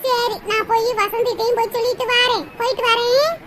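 A woman voicing a strict cartoon elder sister giving brisk orders in a southern Tamil accent. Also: very high-pitched, fairly even intonation. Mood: bossy. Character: strict older sister arranging a marriage. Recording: loud hiss under the voice.

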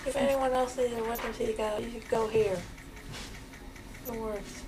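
Loopy girl fresh from wisdom teeth removal, young woman, high and croaky, numb mouth, rambles like a kid. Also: fairly even intonation, normal speed, noisy background. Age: young adult. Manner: rambling, childlike. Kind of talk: casual chat. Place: small dental clinic recovery area, indoors. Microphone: handheld camera at close range.

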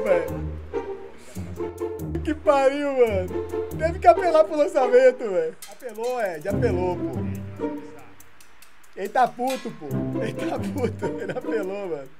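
Excitable Brazilian woman taunting mid-game. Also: high voice. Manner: excitable, taunting, swears often. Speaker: gaming streamer. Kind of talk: live football video game commentary.

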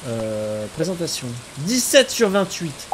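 A man's voice: a little high, sing-song, takes it slowly, heavy background noise. Chatty man commenting on a game. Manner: chatty, reads game text aloud, swears mildly. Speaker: gaming streamer. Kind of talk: casual let's-play commentary. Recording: game music playing behind. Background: game music and rain sounds.

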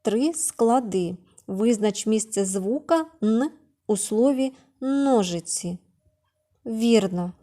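A woman's voice: a little high, lively intonation, slow pace, mellow. A woman kindergarten teacher giving a remote literacy lesson to preschoolers, patiently asking questions, answering them herself and sounding out words syllable by syllable.

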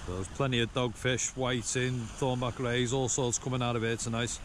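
A man's voice: medium pitch, fairly even intonation, moderate pace. A middle-aged man giving a plain, matter-of-fact fishing catch report on an open beach, with a few hesitant fillers. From England. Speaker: sea angling vlogger. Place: open beach on a river estuary, outdoors. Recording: outdoor camera audio with loud surf. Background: loud surf and wind.

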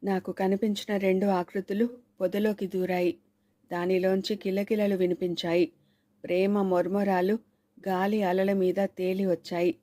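A woman narrating a suspense novel in a measured, storytelling manner. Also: mid-range voice, little pitch movement, dark tone, no echo. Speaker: audiobook narrator.

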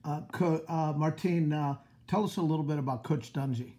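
A man's voice: a little high, normal speed, mellow. A man, a school coach, hosting an upbeat interview for schoolchildren over a video call, with many fillers.

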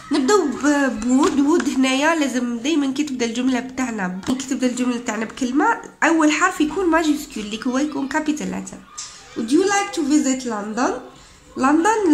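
High-voiced Algerian woman teaching English. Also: fairly bright tone, slight background noise. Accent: Algerian Arabic. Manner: explains step by step, switching between dialect and English. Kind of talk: exam walkthrough lesson.

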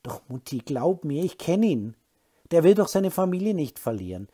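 An anxious, pressing young woman in an audiobook, read by a man. Her voice sits noticeably higher than the narration and carries a husky grain. She pushes her words out with urgency. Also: big pitch swings, moderate pace, dark tone. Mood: reassuring. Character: worried young woman defending her drinking partner. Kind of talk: audiobook character voice.

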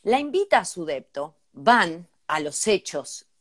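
A woman's voice: on the low side, big pitch swings, unhurried. An Argentine woman co-hosting a casual comedic chat, reading listener emails aloud with joking asides. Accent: Argentine Spanish. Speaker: podcast co-host.

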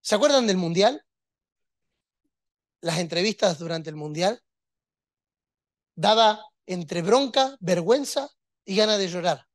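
A man's voice: sits high, expressive, measured pace, pauses often, dry recording, clean studio sound. A man preaching a sermon, emphatic and rhetorical, with touches of humor.

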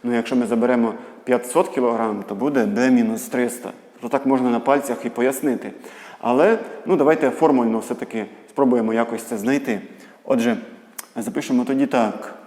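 A man's voice: medium pitch, fairly even intonation, brisk, a little mellow. A man explains a math homework problem step by step, thinking aloud with fillers as he writes. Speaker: math tutor. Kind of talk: homework explanation while writing. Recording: echoey room with long reverb.

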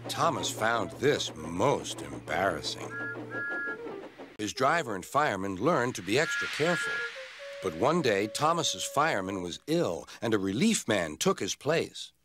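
A man's voice: on the low side, a little slow. A man narrating a children's storybook in scripted style, acting out each character, with music behind. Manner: expressive, acts out every character. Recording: music playing under the voice.

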